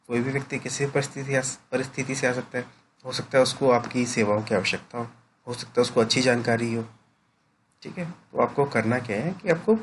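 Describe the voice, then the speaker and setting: A man's voice: mid-range voice, a little hiss or hum. Hindi teacher man, explanatory lecture. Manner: explanatory, peppers sentences with "right?" tag questions. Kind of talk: classroom lecture.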